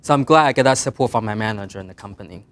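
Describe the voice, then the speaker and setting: Racing along in a lowish voice, a middle-aged man with a Mandarin Chinese accent speaks English, his second language, as a guest speaker offering design students earnest career advice. He states things plainly, lifting his voice on key points and letting phrase endings fade to quiet.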